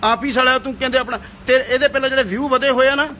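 A young man delivers a heated, scolding video rant in a high, bright voice. He repeats his points with force as he talks straight to his viewers. Faint noise sits behind him. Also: steady tone, very fast. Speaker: actor and singer.

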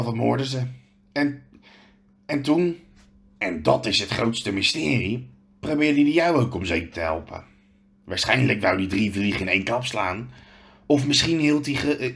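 A man reading a storybook aloud, voicing a huge, gruff but kindly male half-giant who tells his story with earnest hesitation. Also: mid-range voice, a bit bright.

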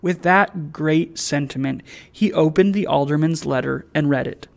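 A man from library staff reading a classic novel aloud in a measured, deliberate storytelling manner. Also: a little high, creaky. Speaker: library staff member, reader.

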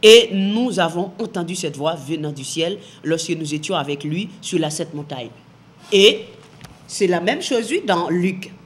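A woman's voice: lowish voice, animated, unhurried. A woman giving a televised Bible teaching, emphatic, repeating her phrases and asking the viewers rhetorical questions.

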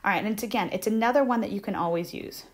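A woman's voice: medium pitch, rapid-fire. A woman math instructor giving a conversational recorded lecture over slides, repeating key points and checking in with "right?" often.

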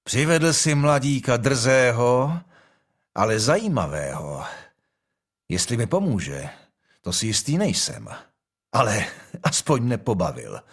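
A man's voice: mid-range voice, big pitch swings, long pauses, breathy edge. A man voicing a young, imperious and impatient king in an audiobook, speaking in a commanding, brusque way.

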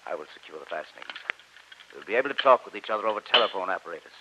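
Captain Nemo, very deep, commanding radio villain. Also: male voice, lively intonation. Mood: formal, gracious. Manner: formal, measured, imperious. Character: commanding, cultured, coolly menacing submarine captain. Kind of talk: old-time radio acting. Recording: muffled, hissy old radio recording.

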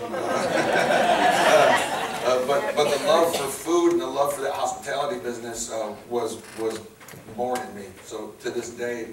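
Speaking at medium pitch, a Chicago-accented man in his forties offers casual, plainspoken, earnest and folksy personal testimony to a church crowd as a guest speaker. The setting is a large indoor hall with a stage; he wears a handheld or lapel mic but is recorded by a far-off camera, leaving the audio roomy, distant and noisy.

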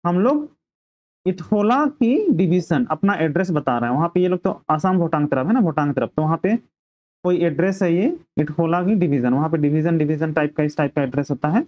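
A woman's voice: low voice, quick pace. A woman teacher patiently explaining a play to her students, on a dull lo-fi recording.

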